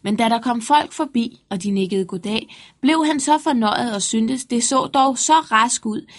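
Woman reading a fairy tale aloud. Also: on the high side. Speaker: narrator.

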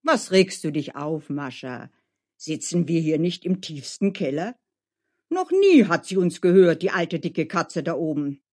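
Narrator playing a big loud coachman guy, brags and shouts, storybook, slow. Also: very animated. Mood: swaggering. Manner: loud and boastful, rising high in outbursts. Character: boisterous, hot-headed male coachman who sings loudly. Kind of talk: storybook reading.

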